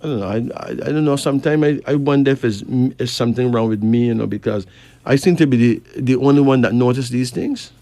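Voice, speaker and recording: A man's voice: medium pitch, fast talker, warm tone, no room sound, soft background music. A man from Barbados, chatting and reading cards, emphatic with rising questions. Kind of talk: casual chat and card reading.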